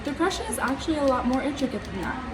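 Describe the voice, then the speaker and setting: A woman playing a calm, instructive psychiatrist sock puppet in a scripted educational skit, explaining things in a measured way. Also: high voice. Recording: roomy, distant mic, noisy background.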